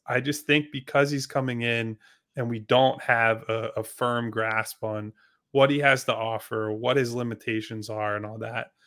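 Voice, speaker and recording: A man with a bright, forward voice makes his case on a sports podcast. He talks bluntly and emphatically, restarting sentences and swearing freely as he pushes his opinion. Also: mid-range voice. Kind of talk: casual sports debate.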